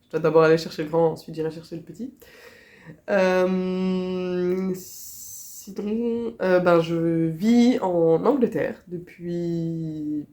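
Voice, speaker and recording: A woman's voice: fairly low pitch, slow pace, warm tone. A woman from Switzerland with a Swiss French accent, chatting casually in a crafting vlog, her nose stuffed up from a cold. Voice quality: nasal. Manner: chatty, laughs often, many fillers. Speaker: crochet vlogger. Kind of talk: casual chat.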